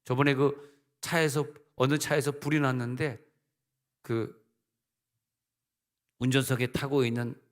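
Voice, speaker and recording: A man's voice: mid-range voice, little pitch movement, measured pace, long pauses. A middle-aged male senior pastor preaching a sermon, with emphatic rises and conversational asides. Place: church sanctuary. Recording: long church hall reverb.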